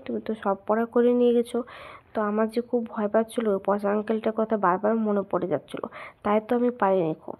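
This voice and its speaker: A woman's voice: medium pitch, darkish tone. A woman tells the story of a TV serial episode in her own everyday voice. She moves easily between narration and the characters' quoted lines. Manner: retells a plot with quoted dialogue. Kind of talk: storytelling recap.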